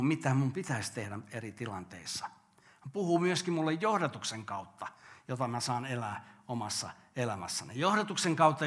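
A man's voice: medium pitch, fairly bright tone. Older man preaching earnestly. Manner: earnest, with rhetorical questions. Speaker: pastor. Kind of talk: sermon.

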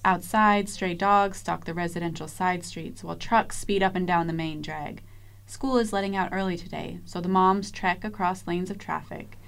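A woman field reporter reading a measured, descriptive scripted news narration. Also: lowish voice, fairly even intonation, gravelly, clean tone.

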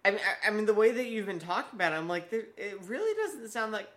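A woman's voice: medium pitch, big pitch swings, fast, a bit bright. A woman co-hosting a casual chat, reacting informally with questions and an incredulous manner. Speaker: podcast co-host.

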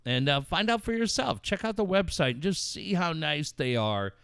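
Animated, swearing man on talk radio. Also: a little high, normal speed, creaky, clear, resonant tone, no room sound, clean studio sound. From Southern California. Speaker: radio show host. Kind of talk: casual profane talk radio chat.

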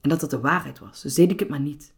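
A woman hosting a solo podcast as a personal coach, speaking calmly and reflectively with some hesitations. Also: low voice, quick pace.

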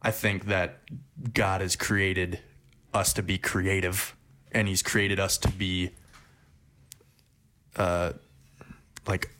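A man's voice: low voice, little pitch movement, takes it slowly, long pauses, sharp tone. A man co-hosting a casual discussion, sharing his opinions in a reflective way. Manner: reflective, offers opinions thoughtfully.

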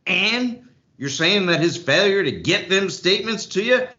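A stern old country judge lays down the law in a slow drawl, as a man acts him out. His voice is forceful and bright, rising and falling in a lively way. The audio is muffled and lo-fi. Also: sits high, exaggerated voice. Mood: lecturing. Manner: country drawl, lecturing, bossy. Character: folksy stern rural male judge, older.

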